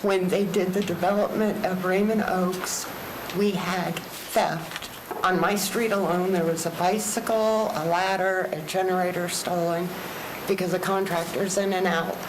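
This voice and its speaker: A woman's voice: fairly low pitch, fairly even intonation, a little slow. An older woman gives earnest, plain-spoken, personal comments as a resident at a public meeting. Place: indoor public meeting chamber. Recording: echoey meeting room with clear background noise.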